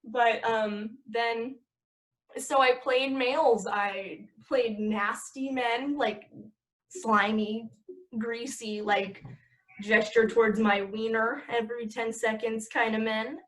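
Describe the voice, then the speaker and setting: Recorded roughly, a woman in her twenties who acts and guests on podcasts speaks slowly in a fairly high, steady voice. The conversation is casual, heavy on fillers like "like," with easy laughter throughout.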